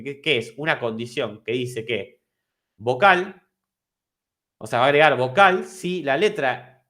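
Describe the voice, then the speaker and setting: A man's voice: mid-range voice, fairly bright tone. A man with an Argentine Spanish accent teaching an online programming class, explaining step by step and checking if his students follow. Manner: explanatory, repeats and restarts, asks if understood.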